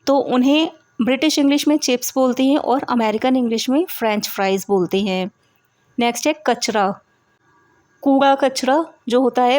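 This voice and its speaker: A woman teaching English vocabulary to Hindi speakers, explaining each word slowly and clearly with repeated examples. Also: fairly high pitch, a little mellow, no echo.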